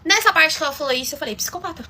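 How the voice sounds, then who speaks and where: A woman's voice: high-pitched, expressive, very fast, bright, forceful tone, a little hiss or hum. A woman telling a story in a chatty, dramatic way, often calling out to her listeners. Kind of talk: casual storytime.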